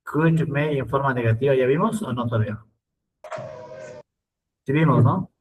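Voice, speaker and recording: A man teaching an online English class, speaking slowly and repeating words for his students to copy. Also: mid-range voice, far from the mic, a little hiss or hum, low-quality recording.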